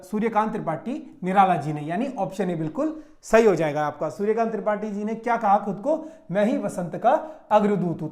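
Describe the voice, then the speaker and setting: A high, darkish male voice leads a Hindi exam-prep class; the teacher is from Uttarakhand. He breaks explanations into steps and regularly asks "theek hai" to check that students follow.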